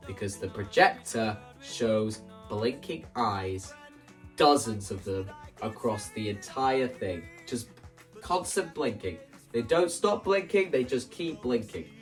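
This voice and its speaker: Recorded far from the mic, this man has a mid-range, fairly bright voice. As a video creator explaining how he'd stage a musical, he chats casually and excitedly, wanders off track, breaks into his own sentences, and dramatizes quoted lines.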